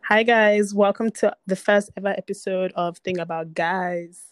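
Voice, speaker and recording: A woman's voice: medium pitch, steady tone, moderate pace, no echo, faint music behind. A woman in her twenties co-hosting a podcast, chatting casually with playful, teasing banter. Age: 20s. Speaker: podcast co-host. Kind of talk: casual chat.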